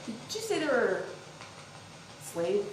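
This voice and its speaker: A woman's voice: fairly high pitch, wildly swooping pitch, slow pace. A woman paranormal investigator chatting casually and putting questions to spirits inside an old house. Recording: roomy, distant mic, noisy ambience.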